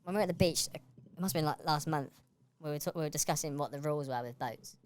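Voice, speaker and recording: A British man hosting a casual podcast chat, his voice altered with a chipmunk-like pitch shift. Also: fast, a little hiss or hum. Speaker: podcast host.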